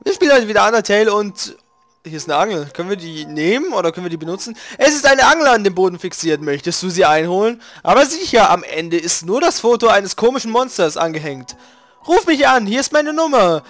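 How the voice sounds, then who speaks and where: A man hosting a let's play, reading game text aloud and making relaxed, swearing asides. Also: sits high, fast talker, dry recording. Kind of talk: casual gaming commentary reading game text. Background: faint video game music.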